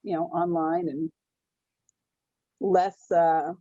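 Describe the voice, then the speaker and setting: A woman speaking casually on a business video call, upbeat and quick to laugh. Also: fairly low pitch, fairly even intonation, dark tone, dry recording. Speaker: business owner. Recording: dry, dull video call.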